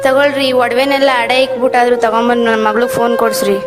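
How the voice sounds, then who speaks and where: A woman's voice: on the high side, fairly even intonation, fast, over loud music, close to an everyday voice. A woman playing a village mother who insistently urges her husband to buy their daughter a phone. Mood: urging. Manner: urging, insistent. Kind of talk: village stage play acting.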